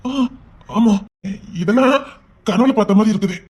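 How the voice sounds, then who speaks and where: A man's voice: sits high, moderate pace, a little mellow. A man voicing a fond, protective father who is troubled by headaches and lost memories. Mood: tender protective. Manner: fond and protective, speaking with strain. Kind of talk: Tamil audio drama acting.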